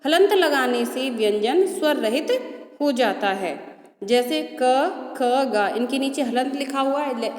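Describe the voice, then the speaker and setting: Slow, patient, high-voiced woman teacher. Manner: slow, patient, asks and answers own questions. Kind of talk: classroom grammar lesson. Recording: echoey roomy hall sound.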